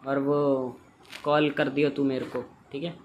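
A young man streaming a game and chatting loudly with friends on a call, joking and complaining as he plays. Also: medium pitch, little pitch movement, unhurried, slight background noise. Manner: loud, joking banter with friends. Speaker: gaming streamer.

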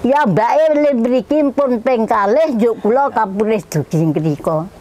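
An elderly woman, very advanced in years, speaks with a Yogyakarta Javanese accent in a fairly high voice. She tells her memories slowly and plainly, wandering as an interviewee does. Clear traffic-like noise surrounds her in this field recording. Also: expressive, mellow. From Kulon Progo, Java, Indonesia. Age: very old, elderly great-grandmother age. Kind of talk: unscripted reminiscing in an interview. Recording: noisy field recording with vehicle ambience.

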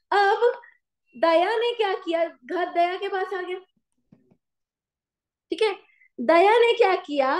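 A woman commerce teacher giving a classroom lecture with an Indian accent, slowly dictating notes and asking her students questions. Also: very high voice, darkish tone, reverberant, rough recording. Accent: Indian English mixed with Hindi.

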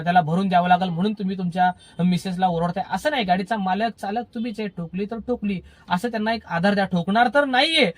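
A man talks straight to his viewers as a driving instructor, his voice sitting high for a man. He speaks earnestly and keeps circling back to the same pleading advice in a casual, conversational way.

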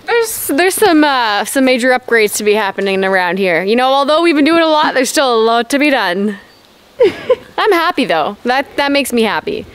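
Giggly high-voiced woman on a cabin tour. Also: big pitch swings, moderate pace, smooth. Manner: giggly, self-deprecating, laughs often. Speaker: vlogger. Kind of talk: casual walking home tour. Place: outdoors at a forest cabin homestead. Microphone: handheld camera at arm's length.

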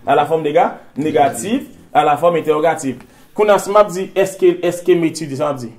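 A man with a Haitian accent teaching English grammar to a class, drilling phrases slowly for students to repeat. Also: fairly high pitch, a little mellow.

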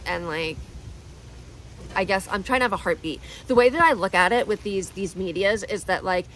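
A woman's voice: mid-range voice, fairly bright tone, a little hiss or hum, low-quality recording. A woman in her thirties talking through an emotional personal vlog, rambling and self-deprecating, close to tears. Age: 30s. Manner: rambling, tearful, self-deprecating, with nervous laughs. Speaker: vlogger.

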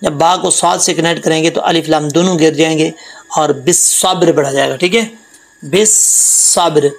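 A man teaching Quran tajweed, explaining letter sounds patiently and repeating them slowly. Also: a little high, vocal fry, poor audio. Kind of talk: Quran tajweed lesson with recitation.

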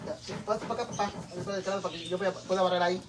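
A man with a Mexican accent livestreaming from home on his phone, chatting loudly with his fans, swearing freely and calling them sisters. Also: sits high, steady tone, rapid-fire. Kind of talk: casual livestream chat. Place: home, indoors, doing chores. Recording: noisy phone livestream audio.

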